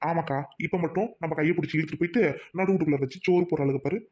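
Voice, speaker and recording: A woman plays a bold, defiant village mother in a comedy skit, her voice low. She speaks fast and bluntly. She has a rural Trichy Tamil accent. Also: warm tone. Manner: blunt, outspoken, quick-talking.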